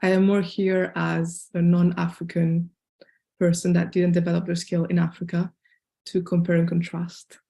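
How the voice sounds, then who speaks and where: A woman's voice: fairly low pitch, completely flat delivery, moderate pace, gravelly, dark tone. A young woman, a neuroscience student, introducing herself on a video call panel in a friendly, matter-of-fact way. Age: young adult. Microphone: laptop webcam video call.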